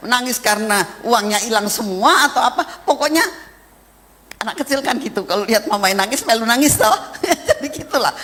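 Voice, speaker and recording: Lively woman pastor in echoing church. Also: a little high. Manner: lively storytelling, acts out family dialogue, addresses congregation as saudara. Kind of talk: sermon with personal story. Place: church hall. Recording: reverberant church hall, faint room noise.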